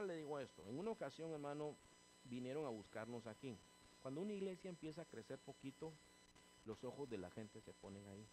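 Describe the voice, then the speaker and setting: A man preaching a sermon as pastor, calling his listeners brothers and growing loud and animated as he tells his story, then closing in prayer. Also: medium pitch, slight background noise, poor audio. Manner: addresses listeners as hermanos, grows loud and animated in stories. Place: church.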